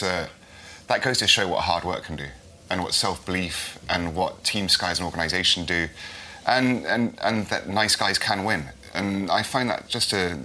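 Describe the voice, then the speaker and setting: A man's voice: sits low, bright, forceful tone. A man from Scotland giving his opinion in casual panel chat, reflective and emphatic. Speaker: podcast guest, cycling pundit.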